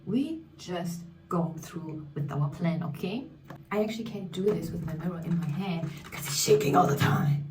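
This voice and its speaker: This beauty vlogger in her thirties has a lowish voice, lively intonation, and a moderate pace as she candidly talks through her makeup. Not a native English speaker, she sometimes hunts for the right word. Faint music plays in an echoey room, with the mic placed away from her.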